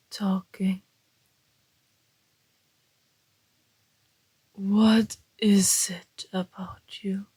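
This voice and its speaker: In an ASMR roleplay, a woman performs a flirtatious male vampire who is predatory yet courteous, her delivery teasing, deliberate and menacing. Her mid-range voice moves very slowly and darkly, sinking into breathy half-whispers. The sound is close and dry, with no room sound.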